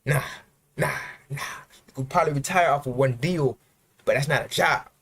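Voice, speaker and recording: A man's voice: mid-range voice, normal speed, creaky, a bit bright, slightly rough. A man hosting a livestream, giving a blunt, profane motivational rant about self-investment and working for himself.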